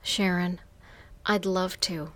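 A woman voicing a breathy young boyfriend. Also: fairly low pitch, steady tone, slow pace, a bit bright. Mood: tender. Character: eager young male lover, sweet and boyish.

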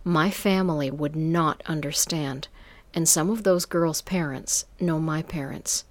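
A woman voicing a hurried, secretive young woman student who asks for discretion. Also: low-pitched, no room sound.

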